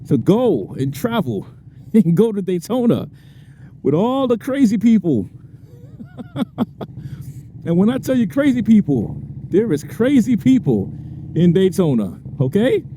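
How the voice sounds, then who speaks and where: A motorcycle vlogger with a high, warm voice chats casually with his viewers while riding in traffic outdoors. He laughs often and stretches out his stresses, with faint traffic and wind noise behind him.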